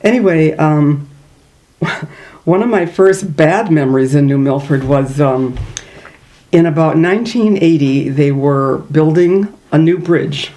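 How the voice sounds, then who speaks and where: An older woman from northern Minnesota, with a Minnesota accent, tells stories in an oral history interview, chatting and laughing between them. Her voice sits low and warm, her pace is a little slow, and the recording is rough.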